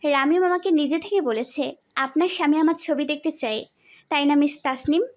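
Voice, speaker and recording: A man's voice: extremely high pitch, moderate pace, pitched above the performer's own voice. A man voicing a young wife who questions her husband insistently in an audio story. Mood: plain. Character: young wife, pressing and suspicious.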